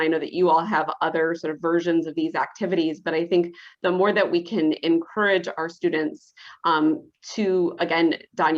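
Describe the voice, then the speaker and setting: A woman professor on a podcast panel speaking in a measured, thoughtful way with frequent pauses. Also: low voice. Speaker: communication professor. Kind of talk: panel discussion. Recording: dull lo-fi sound.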